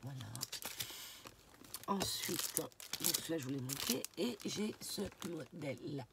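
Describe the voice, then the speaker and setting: Slow-talking congested woman vlogger. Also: low voice, vocal fry, very noisy. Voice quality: nasal. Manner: relaxed and chatty, with many fillers and "voilà". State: stuffy, congested nose. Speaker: craft vlogger showing a shopping haul. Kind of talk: casual haul vlog talk to camera. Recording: paper crinkling and clicks behind. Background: crinkling packaging and clicks.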